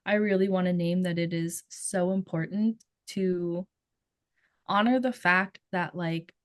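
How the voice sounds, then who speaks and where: A woman therapist with a Filipino accent, talking through ideas in a thoughtful, gentle way on a casual podcast and searching for her words. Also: lowish voice, fairly even intonation, measured pace, no room sound, clean studio sound.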